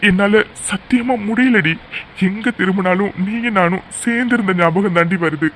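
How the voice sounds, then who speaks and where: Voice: mid-range voice, normal speed, fairly bright tone, lightly acted. An actor voices a grown cartoon son who is firm in his decision. The voice sits in a middle range and does not give ground. A faint hiss sits under the recording. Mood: heartbroken. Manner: firm, pleading. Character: stubborn grown son, a doctor. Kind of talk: cartoon voice acting.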